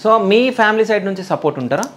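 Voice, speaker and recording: A woman interviewer asking quick, probing follow-up questions in a conversational interview. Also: mid-range voice, lively intonation.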